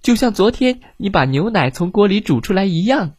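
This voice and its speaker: A man voicing a small, clever goldfish in a storybook, high-pitched, chirpy and urgent. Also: sing-song, a little fast, a little mellow, breathy edge, dry recording, clean studio sound, exaggerated voice. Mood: eager. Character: little clever goldfish, eager and helpful.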